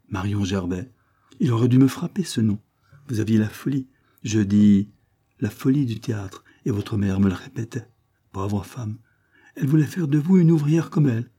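A man reading the lines of a gentle old parish priest in a storybook, in slow, measured speech. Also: fairly low pitch, natural voice. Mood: earnest.

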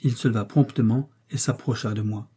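A male audiobook narrator reading a classic novel in an even, measured delivery. His voice is mellow and soft-edged, with a slight huskiness. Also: on the low side, husky. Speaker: audiobook reader.

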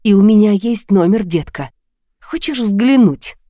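A woman's voice: mid-range voice, lively intonation, unhurried, warm tone, no echo, clean studio sound, lightly acted. A woman reading as an angry jealous young man. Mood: accusing. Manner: harsh, accusing. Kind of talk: audiobook reading.

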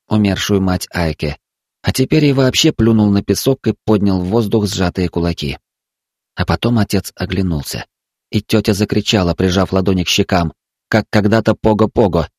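A man narrating a story in a steady, even storytelling manner. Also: fairly low pitch, no echo, studio quality. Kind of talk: audiobook narration.

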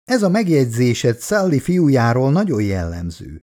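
A man's voice: medium pitch, wildly swooping pitch, mellow. Man voicing a fretful affectionate middle-aged wife. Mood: fretful chatter. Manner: chatty, anxious, coaxing.

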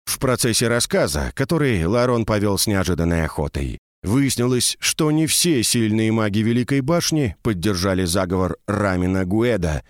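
A man narrating a fantasy audiobook in a steady storytelling read. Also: lowish voice, dry recording, clean studio sound.

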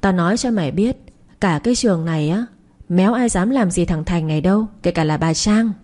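A woman's voice: fairly low pitch, fairly quick, darkish tone, lightly acted. A woman voicing a brash, boastful rich schoolboy who bullies his classmates. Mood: taunting. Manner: boastful, taunting. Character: brash rich schoolboy bully, teenage boy.

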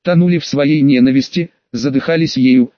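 A man reading an audiobook in a steady, even narration. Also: mid-range voice, normal speed, dry recording, lo-fi sound. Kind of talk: scripted narration.

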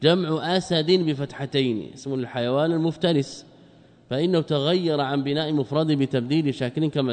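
A man at a mid-range pitch teaches a classical grammar text phrase by phrase. He repeats key words and poses rhetorical questions before he answers them. His voice carries a long, hall-like reverb. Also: a little mellow. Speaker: Islamic scholar teaching Arabic grammar.

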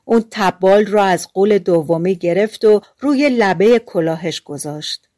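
A woman narrating fairy tales for an audiobook in a calm, colloquial storytelling manner. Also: mid-range voice, no echo, studio quality.

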